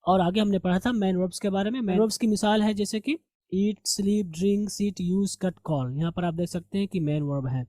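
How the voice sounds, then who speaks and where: Mellow-voiced male grammar teacher. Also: sits high, normal speed, no echo. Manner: explains step by step, asks and answers his own questions. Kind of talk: recorded revision lesson.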